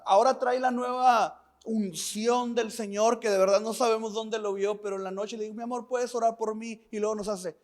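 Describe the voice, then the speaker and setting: High-voiced male pastor preaching. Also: steady tone, moderate pace, hardly any pauses. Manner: earnest, repeats phrases and asks the listener questions; mixes personal family stories into preaching. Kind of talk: sermon.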